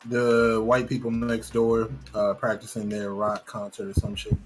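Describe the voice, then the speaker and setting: A man co-hosting a casual gaming podcast, trading animated slangy jokes with plenty of swearing. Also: medium pitch, normal speed, over music. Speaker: podcast co-host.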